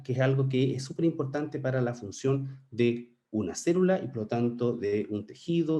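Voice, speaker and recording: A man delivers a scientific lecture at a conference. His pitch rises and falls freely as he explains, and his tone is mellow and warm. He keeps checking in with his listeners and sometimes restarts a phrase. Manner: explanatory, with frequent rhetorical "¿cierto?" checks; occasional restarts and "eh" fillers. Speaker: conference speaker, researcher.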